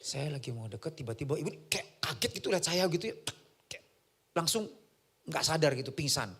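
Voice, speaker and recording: A man preaching a sermon, telling a personal story in an animated way and acting out the voices of the people in it. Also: a little high, a little fast, breathy edge. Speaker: pastor.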